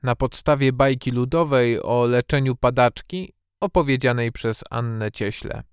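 A man narrating a folk fairy tale at a steady, unhurried storyteller's pace. His voice is smooth and clear at a middling pitch. The recording is dry and close to the mic. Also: no echo.

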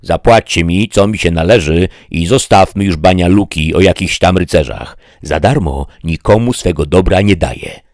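A man voicing a gruff, stingy innkeeper who talks bluntly. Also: sits low, lively intonation, moderate pace, hardly any pauses, darkish tone, no echo, clean studio sound. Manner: blunt, curt.

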